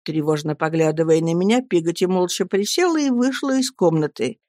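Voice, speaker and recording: A woman reads a novel aloud in scripted audiobook narration, measured and expressive. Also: fairly low pitch, no echo, studio quality. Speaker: audiobook reader.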